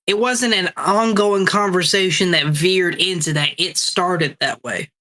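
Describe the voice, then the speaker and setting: A man's voice: high-pitched, measured pace, sharp tone. A man co-hosting a casual podcast, asking probing follow-up questions to get the story straight. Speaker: podcast co-host. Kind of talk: casual chat.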